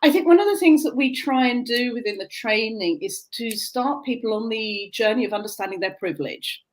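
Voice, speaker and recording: Her voice a little high, expressive and fairly quick, this British guest coaching on neurodiversity takes interview questions via video call. She's earnest and explanatory, often beginning her thoughts again.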